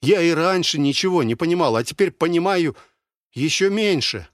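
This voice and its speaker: A man's voice: fairly high pitch, lively intonation, normal speed, no room sound, pitched above the performer's own voice, natural voice. Man reading a confused young ranger guy, puzzled and pleading, dry sound. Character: bewildered young male ranger.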